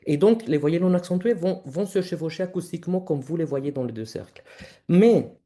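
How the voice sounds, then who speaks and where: Mellow-voiced male researcher presenting. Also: on the high side, animated, a little fast. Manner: explains slides step by step, talks directly to the audience. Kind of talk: academic conference presentation.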